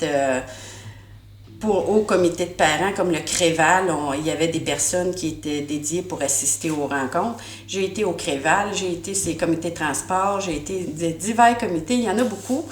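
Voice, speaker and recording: A middle-aged Québécoise school board candidate answers interview questions in French with a Quebec accent. Earnest, she often restarts, repeating words as she searches and using many "euh" fillers. Her voice is lowish, with a little hiss or hum in an echoey room.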